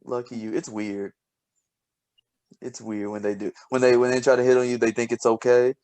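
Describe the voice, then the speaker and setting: A man co-hosting a casual podcast, telling stories with lots of laughter and restarts, and dropping low and quiet when he quotes himself. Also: level tone, normal speed, smooth. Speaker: podcast co-host, scientist. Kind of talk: casual storytelling chat.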